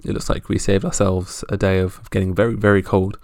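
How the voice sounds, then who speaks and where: A man with a gravelly voice hosting a casual sports roundup podcast solo, speaking in a halting, wry way. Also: sits low, level tone, a little mellow, dry recording, clean studio sound. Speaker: podcast host.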